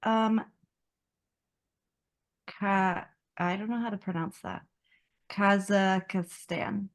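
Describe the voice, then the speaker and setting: A woman co-hosting a podcast in relaxed, casual chat. She reads search results aloud as she finds them and often lets her sentences trail off. Her voice sits at an ordinary middle pitch. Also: very slow. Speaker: podcast co-host.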